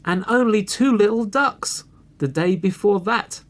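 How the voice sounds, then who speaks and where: A man voicing a litter of hungry little fox cubs in a storybook, pleading loudly in high voices. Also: measured pace.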